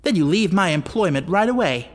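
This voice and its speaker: A man's voice: sits high, expressive, brisk, big-room sound, pitched above the performer's own voice. A man voicing a stern, commanding baronet in an audiobook mystery, blunt and indignant as he questions. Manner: blunt, demanding, forceful questioning.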